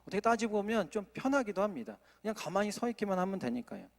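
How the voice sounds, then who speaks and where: A man's voice: high-pitched, sing-song, quick pace, creaky, big-room sound. A male associate pastor preaching a sermon at a Friday prayer service, earnest, often asking the congregation rhetorical questions. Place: church sanctuary.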